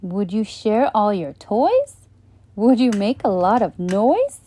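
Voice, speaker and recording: A woman hosting a children's channel, reading a bedtime story aloud in a gentle, questioning way. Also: medium pitch, big pitch swings, slow. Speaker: storyteller host.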